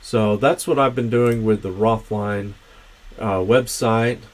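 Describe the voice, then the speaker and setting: A man's voice: on the low side, fairly even intonation, slow pace. A man hosting his own channel's livestream, talking in a casual, meandering, unscripted way. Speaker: channel host.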